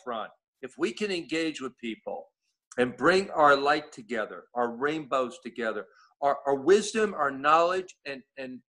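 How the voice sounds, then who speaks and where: High-voiced rambling man, East Coast accent. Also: pushed and bright. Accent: East Coast American. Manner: rambling, with many restarts. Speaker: guest giving updates. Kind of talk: casual chat.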